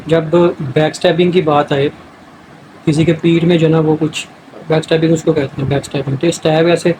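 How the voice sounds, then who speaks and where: A man's voice: a little high, noisy background. A man giving a test-prep grammar lecture, explaining step by step and mixing English words into his Urdu. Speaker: teacher.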